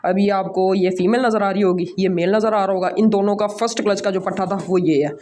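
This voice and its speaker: A man's voice: high-pitched, fairly even intonation, fast, darkish tone. A man from Pakistan with a Pakistani Urdu accent, chatting casually to the camera as he tends his birds. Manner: chatty, repeats filler phrases, talks while handling birds. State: out of breath after climbing stairs. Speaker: bird breeder vlogger. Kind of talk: casual walk-through vlog. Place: rooftop bird setup, outdoors. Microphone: handheld camera held in one hand.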